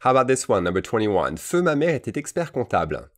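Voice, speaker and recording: A man teaching English to French speakers, explaining in French, then saying each English phrase slowly and repeating it, with frequent casual checks. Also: medium pitch, sing-song. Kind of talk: bilingual language lesson.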